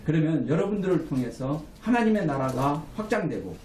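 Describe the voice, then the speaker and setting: A man's voice: a little high, very animated, brisk, darkish tone, recorded from a distance, a little hiss or hum. A man preaching a sermon as pastor, with emphatic calls for amen, recorded from afar in a small room. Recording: echoey room, mic from afar.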